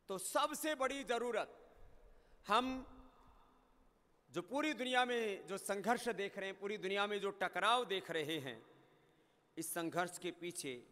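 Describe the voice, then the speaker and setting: A man's voice: sits high, lively intonation, measured pace, long pauses, pushed and bright, long reverb tail. A man from India giving a spiritual discourse, emphatic and building phrases into repeated lists. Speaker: spiritual teacher.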